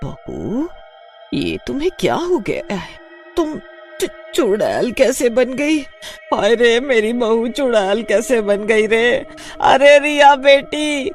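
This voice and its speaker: Man voicing a shrill old mother-in-law, wailing, scolding, high pitched, music behind. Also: measured pace. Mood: panicked, wailing. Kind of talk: storybook voice acting.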